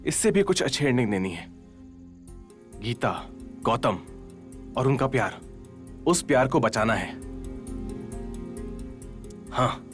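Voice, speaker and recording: A man's voice: mid-range voice, very animated, takes it slowly, pauses often. An actor dubbing a lovesick young man who calls out dramatically and broods over a story's ending. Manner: dramatic, pleading cries. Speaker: dubbed film character. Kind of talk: Hindi film dubbing. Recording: film soundtrack with faint music.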